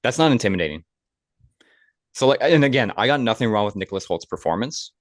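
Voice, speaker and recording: A man's voice: lowish voice, animated, quick pace, no room sound, clean studio sound. A man co-hosting a casual movie podcast, rambling and enthusiastic with lots of fillers. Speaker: podcast co-host. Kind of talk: casual movie review chat. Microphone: podcast microphone.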